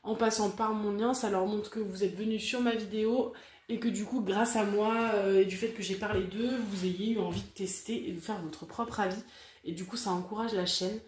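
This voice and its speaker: A woman's voice: medium pitch, fairly even intonation, moderate pace, a little mellow, reverberant. A woman talking casually to her viewers in a frank, rambling vlog review, full of fillers and repeated words. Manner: chatty, frank, rambling with many fillers and repetitions. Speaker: craft vlogger reviewing a diamond painting kit.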